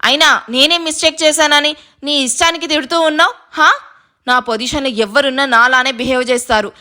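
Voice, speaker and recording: A woman reading an audio story, voicing a fiery, sharp-tongued young woman who scolds and teases. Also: high voice. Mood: angry. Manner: scolding, quick-tempered, playful.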